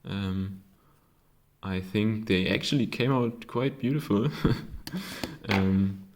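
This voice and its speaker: A German man, not a native English speaker, casually shows off a circuit board he made, hesitating often with lots of ums and self-corrections. His voice is fairly low and slow, and there's background noise in the recording.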